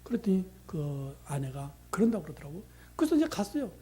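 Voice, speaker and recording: A middle-aged man preaching as a pastor, telling a story with animated delivery and acting out the prayers and dialogue in it. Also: fairly high pitch, fairly quick. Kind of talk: sermon with storytelling.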